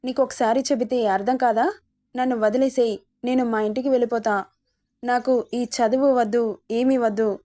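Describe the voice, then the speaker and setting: Woman voicing an indignant young wife, stubborn, scolding, mellow-toned, dry close sound, storybook reading. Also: on the high side, steady tone, normal speed, dry recording, lightly acted. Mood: angry. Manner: indignant, shouting.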